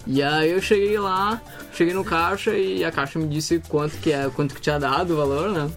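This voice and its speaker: Young guy, relaxed storyteller, casual podcast guest. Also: fairly high pitch, normal speed, soft background music. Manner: storytelling, chatty. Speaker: exchange student guest.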